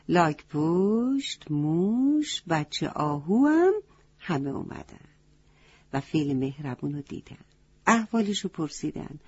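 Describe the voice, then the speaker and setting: A woman's voice: medium pitch, darkish tone, husky, no room sound, highs cut off. A woman narrating a children's story, stopping to ask the listening children questions. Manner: addresses children directly with questions.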